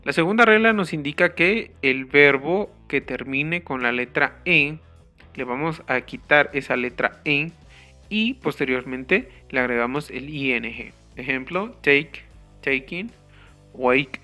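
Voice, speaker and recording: A man teaching an English grammar lesson, explaining the rules slowly and carefully and spelling out the letters. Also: mid-range voice, animated, sharp tone, soft background music.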